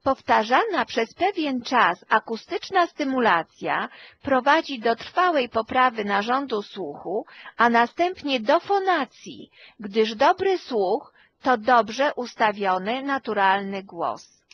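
A woman, a hearing and speech therapist, explaining calmly and at length, with some fillers as she goes. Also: a little high, breathy edge, highs cut off. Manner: slow, measured explanation with fillers. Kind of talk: expert talk to camera.

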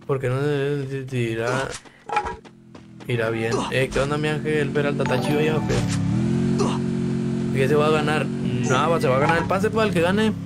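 A man's voice: a little high, moderate pace, long pauses, over loud music. A young man with a Mexican Spanish accent, streaming a game live, joking crudely and greeting viewers by name. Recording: noisy stream audio.

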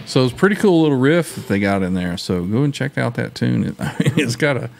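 A man's voice: mid-range voice, expressive, fast talker, creaky, over loud music. An older man hosting a livestream in casual chat, speaking close to a studio microphone. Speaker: livestream host. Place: home music studio, indoors. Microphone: close studio microphone with headset.

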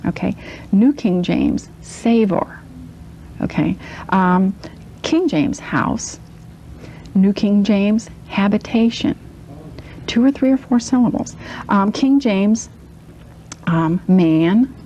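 A woman speaking as a guest in a casual interview, pausing often with "um" as she lists examples one by one. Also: medium pitch, dark tone, a little hiss or hum, rough recording. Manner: hesitant, many ums, lists word examples.

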